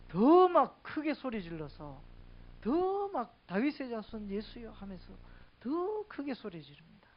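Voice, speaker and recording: A woman's voice: medium pitch, dull audio. A woman preaching a sermon in a conversational way, asking the congregation questions.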